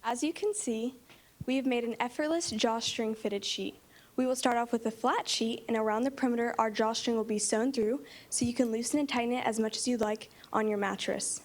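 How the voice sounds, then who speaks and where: A young woman giving a confident, rehearsed startup pitch as one of a team, in a meeting room. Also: brisk. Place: meeting room, standing before seated judges.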